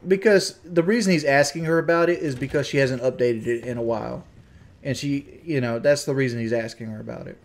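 A man's voice: mid-range voice, a little fast, vocal fry. Rambling Southern man, crude and defensive. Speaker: streamer. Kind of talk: casual stream chat.

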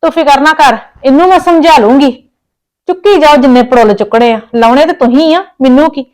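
A woman's voice: high-pitched, brisk, a little mellow, close to an everyday voice. An actress playing a practical, stubborn middle-aged mother who insists and scolds in colloquial speech, with a Punjabi accent. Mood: insistent. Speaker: mother arranging her daughter's wedding.

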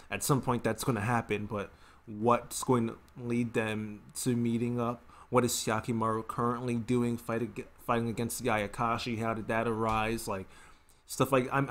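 A man in his twenties with a medium-pitched voice hosts a video, giving casual reaction commentary. He rambles and often circles back to rephrase himself. He's in a small indoor room at home.

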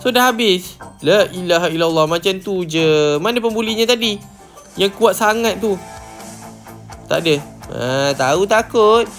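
A man with a Malaysian Malay accent hosting a game channel, giving excited, playful commentary on an obby run and calling himself by name. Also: high-pitched, unhurried. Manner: playful, refers to himself in third person. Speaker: gaming channel host. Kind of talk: excited Roblox let's-play commentary. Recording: light background music.

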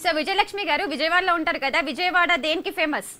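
Bright, high-voiced woman quiz host. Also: fast talker. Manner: loud, teasing, mixes English into Telugu. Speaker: phone-in quiz show host. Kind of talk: lively live phone-in chat.

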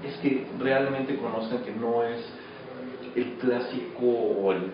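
Speaking slowly in a mid-range voice with fairly even intonation, this radio drama actor, a Mexican-accented man in his thirties, gives relaxed answers during an interview. The setting is a small office, picked up by noisy camera audio that sounds distant, muffled, and echoey.

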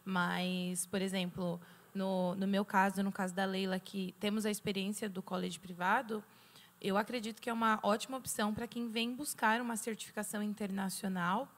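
A woman on a studio panel, giving advice in a measured, explanatory way into a handheld mic. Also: medium pitch, little pitch movement. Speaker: guest student. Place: TV studio set.

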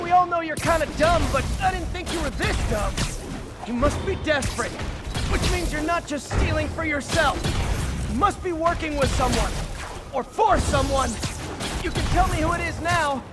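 A man's voice: very high voice, normal speed. A man playing a young, cocky superhero in a video game, teasing and sarcastic as he quips. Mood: sarcastic, chatty. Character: young male wisecracking superhero, cocky and playful. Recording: loud game music behind. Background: loud dramatic music.

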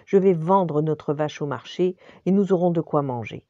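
A woman voicing a brave, practical older sister who speaks briskly and decisively. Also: sits low, mellow, no room sound, dull audio, lightly acted. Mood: determined. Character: bold resourceful eldest sister, brave and practical.

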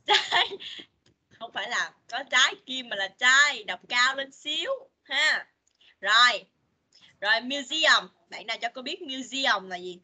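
Woman, English teacher, very bright tone, slightly high voice, online class over video call. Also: animated. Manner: patient, coaxing, models words slowly for pupils to repeat. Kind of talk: online English lesson for children.

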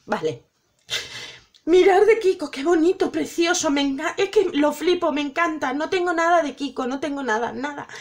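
A woman's voice: sits high, animated, moderate pace. A middle-aged woman from Spain, gushing and emotional as she opens gifts from viewers at home, exclaiming over each one. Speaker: vlogger opening viewer gifts. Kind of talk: excited unboxing chat.

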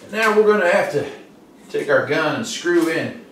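The audio is echoey with faint noise and a distant microphone, picking up a middle-aged American host demonstrating something hands-on in an indoor home workshop and garage. He speaks in a fairly high, expressive voice at a moderate pace, in a casual, folksy and chatty manner.

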